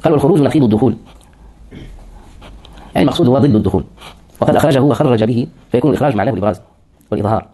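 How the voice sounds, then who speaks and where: Fast-talking man giving a lecture. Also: medium pitch, expressive, mellow, husky. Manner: explains terms, asks and answers his own questions. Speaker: lecturer in hadith sciences. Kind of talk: classroom lecture.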